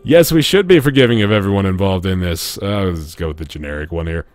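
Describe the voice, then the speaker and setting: A man's voice: deep voice, fast talker, no echo, clean studio sound. A man hosting a gaming video with casual, joking commentary, often talking to himself. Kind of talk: casual let's play commentary.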